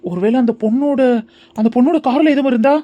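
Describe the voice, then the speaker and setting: A man performs anxious young men in a homely cartoon. One frets and pleads while the other soothes him. The voice runs high for a man. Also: fast, highs cut off, loud music behind the voice. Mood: worried. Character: anxious young male friends, fretting. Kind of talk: cartoon voice acting.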